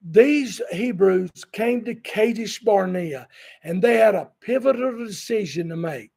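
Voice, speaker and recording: A pastor with a fairly high voice preaches, leaning on folksy personal stories and wry humorous asides. His delivery is easygoing and conversational. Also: a little mellow. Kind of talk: sermon with storytelling.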